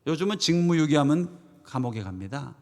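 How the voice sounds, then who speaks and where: A pastor preaching a Sunday sermon, swinging from loud proclamations to hushed asides and asking the congregation rhetorical questions. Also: male voice, on the high side, lively intonation, a little fast. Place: church sanctuary. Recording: long church reverb.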